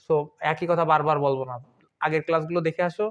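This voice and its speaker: A man's voice: a little high, steady tone, quick pace, smooth, lo-fi sound. A young man teaching an online grammar lesson in a chatty, informal way, asking questions and answering them himself.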